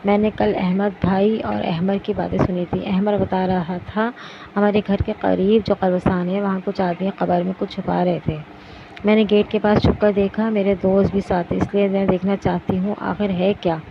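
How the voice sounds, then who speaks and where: A woman's voice: medium pitch, flat delivery, normal speed, creaky, lightly acted. A bold, bossy teenage girl who waves off her friend's complaints, as a woman reading a novel puts her on. The sound is muffled and lo-fi, with noise running underneath. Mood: explaining. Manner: curt, dismissive. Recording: dull lo-fi recording with background noise.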